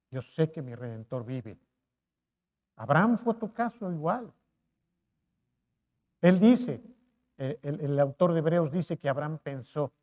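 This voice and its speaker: A man's voice: fairly high pitch, dark tone. A man preaching a sermon with impassioned delivery, building to fervent pleas and repeating phrases. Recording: reverberant church hall.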